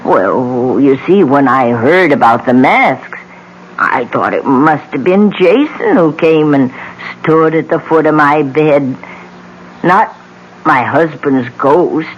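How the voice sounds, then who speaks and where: An actress playing a weary, haunted older widow in a 1970s radio drama, speaking haltingly and repeating words. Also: female voice, low voice. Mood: uneasy. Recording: muffled, faintly noisy old radio broadcast.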